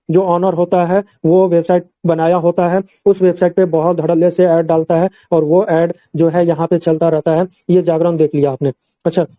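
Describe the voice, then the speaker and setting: A man's voice: fairly high pitch, no echo, muffled recording. A man from India presenting an online earning plan in a screen-share walkthrough, explaining step by step and repeating himself often. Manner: repetitive, explains step by step with many fillers.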